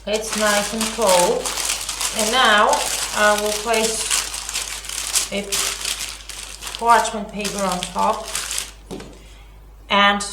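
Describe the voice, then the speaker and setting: A woman's voice: medium pitch, reverberant, background noise. A woman hosting a home cooking lesson, chatty, with many fillers and self-corrections. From Greece. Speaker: cooking show host.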